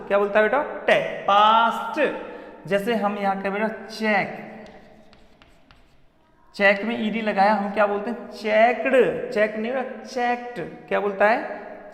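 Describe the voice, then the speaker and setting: A man's voice: high voice, fairly bright tone. A man teaching English grammar to his students with a Hindi accent, calling them "beta" and repeating questions back to the class. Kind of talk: classroom lesson at a board. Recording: echoey room with long reverb.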